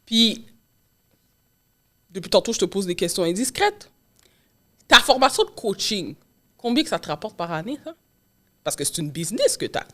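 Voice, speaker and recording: Quebecoise woman host, chill chatty interview, middle-pitched voice. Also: sing-song, normal speed, long pauses, fairly bright tone. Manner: responsive, many short backchannels. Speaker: podcast host, real estate broker. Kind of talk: casual interview chat.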